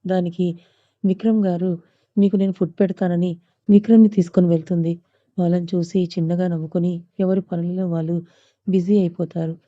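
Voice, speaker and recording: Woman reading a story, dark steady voice. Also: on the low side, fairly quick, no room sound, dull audio. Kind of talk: audio story narration.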